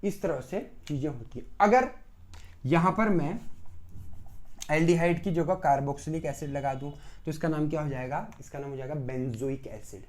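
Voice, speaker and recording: A man's voice: fairly high pitch, normal speed. A man teaching pharmacy chemistry in a recorded lecture. He asks the class questions, answers them himself and repeats key terms several times. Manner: swings between loud bursts and soft asides.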